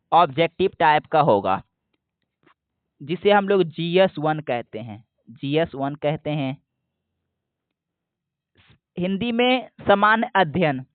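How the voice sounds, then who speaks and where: A man teaching an exam prep lesson, asking questions and answering them himself, repeating key points slowly. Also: a little high, no echo. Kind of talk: explanatory lesson. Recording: dry, phone-like narrow sound.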